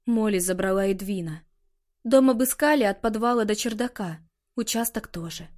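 A woman reading an audiobook in a measured, expressive way. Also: medium pitch. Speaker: audiobook narrator. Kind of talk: scripted audiobook narration.

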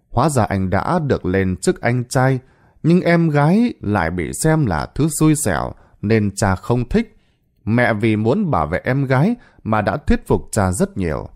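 A male storyteller reads a scripted drama aloud with dramatic expression. His pitch sits in a middle register and moves a lot, rising and falling with the tension of each sentence. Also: wildly swooping pitch, a little slow, darkish tone.

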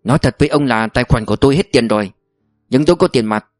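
A man's voice: medium pitch, fast talker, no room sound, clean studio sound, faint music behind, natural voice. A man voicing a tense, wary bank employee. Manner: curt, wary.

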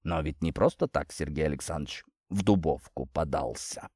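A man voicing a scheming, greedy old prince in a low, hushed drawl. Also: normal speed, breathy edge, dry recording, clean studio sound. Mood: prying.

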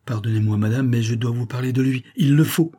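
A man voicing an earnest young cavalry officer who confides in a low, urgent way. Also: a little fast, warm tone, slightly rough, close to an everyday voice.

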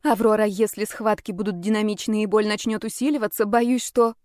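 A woman's voice: mid-range voice, steady tone, darkish tone, dry recording, studio quality, lightly acted. Anxious young woman, as a narrator puts her on. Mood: worried. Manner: urgent, rapid worried questions.

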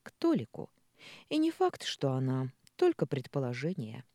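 Brief: reader as a withdrawn woman, brief and apologetic, raised pitch, mellow dry read. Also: wildly swooping pitch, normal speed, dry recording. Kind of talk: audiobook character voicing.

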